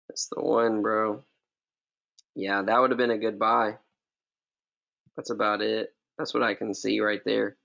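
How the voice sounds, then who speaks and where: Trading mentor, male, relaxed slangy delivery, gravelly tone, dull recording. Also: lowish voice, unhurried, pauses often. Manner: laid-back, slangy, repeats himself. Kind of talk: casual live trading session.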